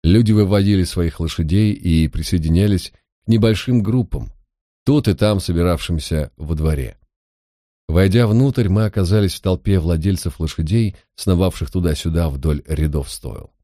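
A man narrating an audiobook in a steady, even storytelling manner. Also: low-pitched, normal speed, no echo, studio quality.

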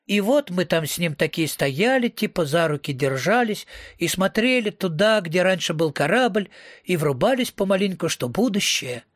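A man's voice: high-pitched, very animated, normal speed, no room sound, clean studio sound. A man reading a story aloud in first person, in a slangy, wisecracking, profane voice. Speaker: audiobook reader.

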